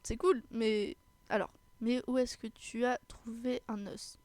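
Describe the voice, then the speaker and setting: A woman's voice: on the high side, steady tone, measured pace, darkish tone, dry recording, close to an everyday voice. A woman playing a shy young witch. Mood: timid. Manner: hesitant. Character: shy young witch girl, polite and timid.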